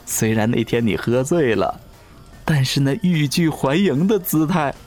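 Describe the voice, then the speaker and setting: A man voicing a cruel, gloating undying seducer in an audio drama, speaking in a slow, sneering, mocking way. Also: medium pitch, animated, darkish tone, faint music behind. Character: ageless male river-god servant, cruel gloating seducer.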